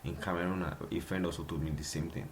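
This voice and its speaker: A young man with a Nigerian accent talks fast in a low, steady voice while hosting his own casual podcast. Chatty and prone to repetition, he laughs frequently, and a faint hiss or hum sits underneath.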